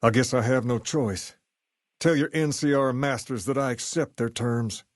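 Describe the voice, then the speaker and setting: A man's voice: mid-range voice, dry recording, studio quality, lightly acted. The King, an actor as a folksy Southern gang boss. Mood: firm, defiant. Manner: folksy, self-assured, measured. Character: charismatic, folksy male gang boss styled on a rock-and-roll idol. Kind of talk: video game character dialogue.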